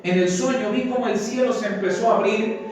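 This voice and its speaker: High-voiced preacher in an echoing hall. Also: male voice, brisk. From Ecuador. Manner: earnest, keeps addressing listeners as brothers. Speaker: pastor. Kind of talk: sermon with personal testimony. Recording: echoey church hall, mic far off, faint music.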